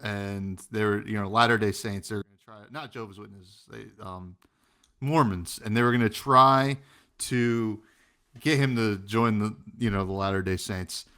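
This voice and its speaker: A man's voice: on the low side, steady tone, normal speed, bright, forceful tone, clean tone. A man co-hosting a casual podcast, talking animatedly with many fillers and acting out quotes. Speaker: podcast co-host.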